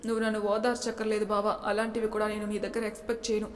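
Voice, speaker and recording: A woman's voice: mid-range voice, monotone, very fast, long reverb tail, natural voice. Woman reading a hurt, upset young woman.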